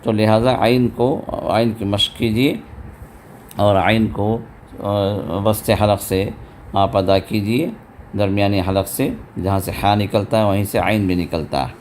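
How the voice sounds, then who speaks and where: Male recitation teacher, low pitch, patient step-by-step explainer who chants the examples slowly. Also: fairly even intonation, a little mellow, slight background noise. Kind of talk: tajweed lesson with recited examples.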